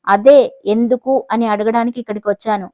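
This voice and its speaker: Brief: woman doing loud indignant CEO, pushy, somewhat high voice, dry sound. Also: fairly even intonation, brisk, no echo, close to an everyday voice. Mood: angry, pushy. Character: angry, pushy middle-aged company CEO.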